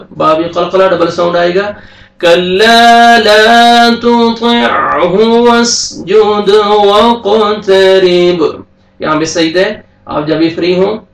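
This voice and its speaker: A man with a Pakistani Urdu accent teaching a tajweed lesson, slowly chanting verses and then quickly explaining the rules in a soft voice. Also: fairly high pitch, vocal fry, far from the mic. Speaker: Quran teacher. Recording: echoey room, voice a bit off-mic.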